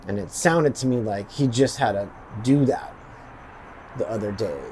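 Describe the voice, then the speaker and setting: A man's voice: mid-range voice, moderate pace, darkish tone. La guy hosting a chill chat, lots of yeahs, swears telling stories, faint hiss. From Los Angeles. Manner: constant agreeing backchannel, profane storytelling. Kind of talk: casual chat.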